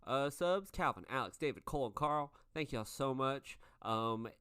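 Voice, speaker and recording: Chatty podcast co-host playing a tabletop game, voice bounces around a lot, medium pitch. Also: moderate pace, clear, resonant tone, no echo, clean studio sound. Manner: animated, chatty, full of filler. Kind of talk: casual tabletop play and show announcements.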